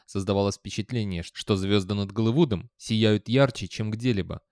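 A man narrating an audiobook in a measured, expressive reading. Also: lowish voice, no echo, studio quality. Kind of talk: scripted narration.

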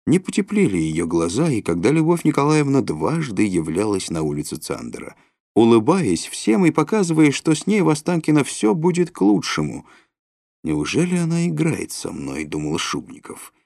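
A man narrating a literary audiobook in an expressive way, with sudden rises and drops. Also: medium pitch, moderate pace, no room sound, clean studio sound. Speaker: audiobook reader.

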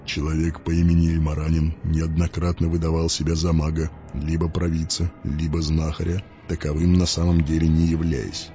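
A man voicing a sickly, hooded male cult servant in an audiobook, speaking in an unexpectedly deep, low voice with a solemn, formal manner. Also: completely flat delivery, moderate pace, few pauses, dark tone. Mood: grave. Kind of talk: audiobook reading. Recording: muffled audio with faint music.

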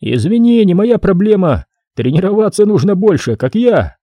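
A man's voice: high-pitched, very animated, moderate pace, dark tone, no room sound, voice pushed up. A male audiobook reader voicing a brash, boastful male contractor technician. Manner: cocky, bragging, blunt. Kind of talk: audiobook character voice.

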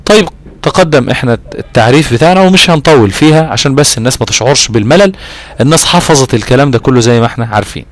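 A man with an Egyptian accent teaching a recitation lesson, repeating key terms and slowing down to draw out his recited examples. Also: medium pitch, expressive. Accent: Egyptian Arabic. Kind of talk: explanatory lesson.

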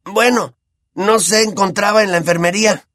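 A man voicing an excitable, impatient teenage boy in an audiobook, eager and boisterous. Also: high voice, moderate pace, dry recording, studio quality, pitched above the performer's own voice. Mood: excited.

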